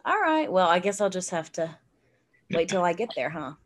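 A woman's voice: on the low side, sing-song, moderate pace. A woman co-hosting a podcast in casual chat, reacting with curiosity and asking questions. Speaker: podcast co-host.

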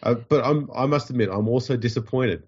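A man's voice: mid-range voice, brisk, darkish tone, breathy edge, dull audio. A man with an Australian accent and a nasal, stuffed-up voice from a runny nose, hosting a podcast in casual, dryly joking banter. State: getting over covid with a runny nose. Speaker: podcast host.

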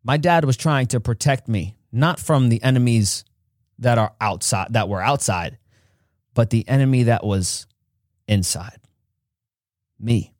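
A man hosting a podcast, telling a personal story in an earnest way and acting out quotes with big jumps in pitch. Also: unhurried, long pauses, darkish tone, no room sound, clean studio sound. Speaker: podcast host.

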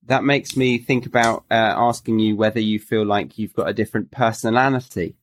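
A man who hosts a podcast and teaches English asks questions in a casual interview chat, friendly and encouraging, with lots of affirming fillers. His voice is lowish and steady, and he speaks fairly quickly.

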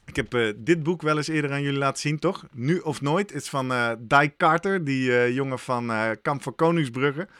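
A man's voice: medium pitch, moderate pace, fairly bright tone, smooth, no echo, studio quality. A man on a podcast telling a story in casual chat, animatedly acting out his own thoughts.

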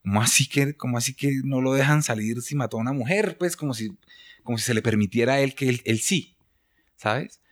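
A man's voice: mid-range voice, a little fast. A Colombian man with a Colombian accent, speaking as a guest photographer in a casual interview. He talks with passion and firm opinions and often restarts his sentences.

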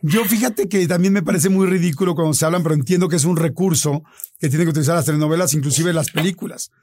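A man with a Mexican accent hosting a casual podcast chat, animated and jokey, steering his guests. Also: on the high side, quick pace, dry recording. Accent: Mexican Spanish. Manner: animated, jokey, directing the others. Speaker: host.

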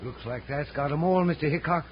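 A man's voice: a little high, brisk, natural voice. A man playing an earnest frontier homesteader in a 1950s radio Western. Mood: anxious, respectful. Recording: dull, slightly noisy old radio recording.

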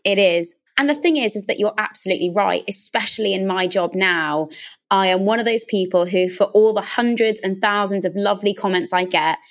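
Brief: woman podcast host, mid-pitched, earnest and reflective, candid conversation. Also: a little fast. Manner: earnest and reflective, with repeated emphasis. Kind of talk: casual conversation.

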